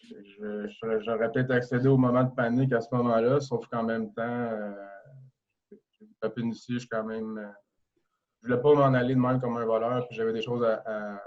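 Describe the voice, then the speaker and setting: A man in his thirties with a Québécois French accent, talking casually as a podcast guest, relaxed and hesitant with many fillers and restarts. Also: on the low side, lo-fi sound. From Quebec. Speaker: guest, professional hockey player.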